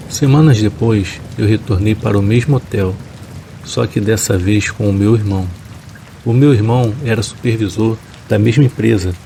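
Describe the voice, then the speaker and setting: A young man narrating a horror story in calm, steady storytelling. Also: fairly low pitch, creaky, slight background noise. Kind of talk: calm storytelling narration over rain sounds. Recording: faint rain sounds behind.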